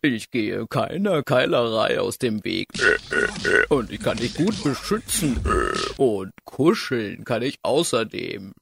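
A man voicing a swaggering, flirty male wild boar in a storybook, with a grunting, gravelly voice. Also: mid-range voice, big pitch swings, slow, noisy background, heavily acted. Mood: boastful.

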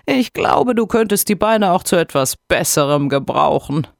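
A man voicing a haughty, sneering male hare in a loud, mocking, high-pitched voice. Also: lively intonation, moderate pace, gravelly, no echo, studio quality.

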